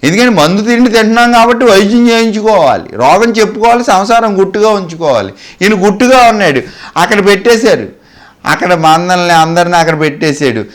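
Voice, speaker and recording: A male preacher delivers a sermon in a fairly high voice that swings widely in pitch. He tells the story with dramatic flair and keeps asking the congregation questions. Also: lively intonation, a little fast. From Andhra Pradesh, India. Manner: acts out the dialogue of the story's characters.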